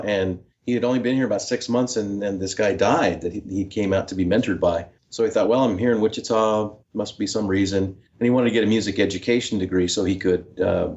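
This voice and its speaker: A middle-aged man, an author and professor, telling stories in an interview with lots of fillers and restarts. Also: lowish voice. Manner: warm storytelling with many fillers and restarts. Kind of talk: interview answers. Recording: dull, lo-fi remote line.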